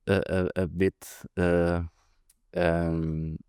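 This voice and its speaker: Portuguese man, 30s, very low voice, halting casual answers, dry close mic. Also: level tone, darkish tone, smooth, dry recording. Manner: hesitant, many restarts and fillers. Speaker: podcast guest, protocol lead.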